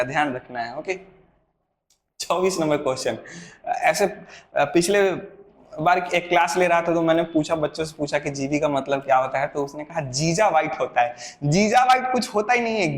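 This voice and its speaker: A man's voice: on the high side, echoey room. A male computer teacher leading an exam-prep lesson, explaining step by step, repeating the answers and asking rhetorical questions.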